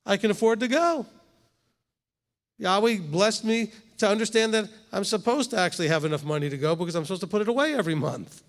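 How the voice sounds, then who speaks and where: Speaking fast in a high voice with a big-room sound, a man in his fifties leads Torah study as a rabbi in a congregation hall. His manner is conversational, with frequent checks of "okay?"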